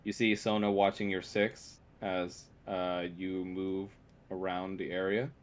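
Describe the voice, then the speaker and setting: A man narrating a tabletop role-playing game as game master in an informal, halting way. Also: deep voice, level tone.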